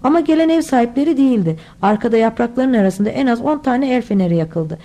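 A woman's voice: a little high, lively intonation, fast, warm tone. A woman reading a children's adventure novel aloud as an audiobook, voicing all the characters herself. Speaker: audiobook reader. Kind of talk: scripted audiobook narration.

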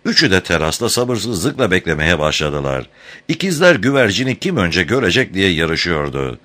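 A man narrating an audiobook chapter in an expressive, dramatic reading style. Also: sits low, moderate pace. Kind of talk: scripted narration.

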